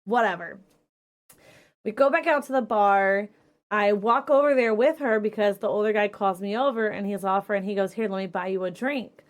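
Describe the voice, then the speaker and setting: Young woman, podcast host, casual storytelling, profane, animated. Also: mid-range voice, moderate pace. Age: young adult.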